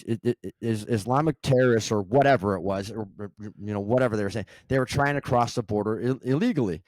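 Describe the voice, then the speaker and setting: A man's voice: lowish voice, fast, a little mellow, dry recording. Joking man co-host on a dry mic. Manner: joking, laughs often. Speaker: podcast co-host. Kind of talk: casual podcast chat.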